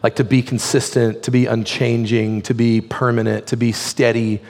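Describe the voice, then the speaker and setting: A male pastor delivers a sermon in a relaxed, conversational way, using "like" as a frequent filler. His hoarse, gravelly voice sits at an ordinary pitch and moves at normal speed, with a long reverb from a large hall.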